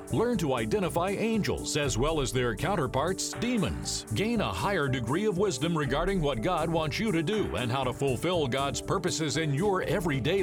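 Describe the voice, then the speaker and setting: Male announcer, higher register, scripted infomercial sell, promotional and polished, clear music bed underneath. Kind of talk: scripted infomercial sales pitch. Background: guitar music bed.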